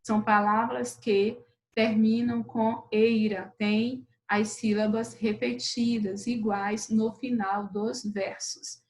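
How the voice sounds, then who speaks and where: A Brazilian woman teacher speaks in a slightly raised, friendly register to young pupils. She walks through the words patiently, drawing out syllables and pausing often to check that the children are following. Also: fairly high pitch, little pitch movement, a little mellow, rough recording. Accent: Brazilian Portuguese. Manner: patient, drawn-out syllables, frequent "beleza?" checks. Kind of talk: recorded remote lesson for children.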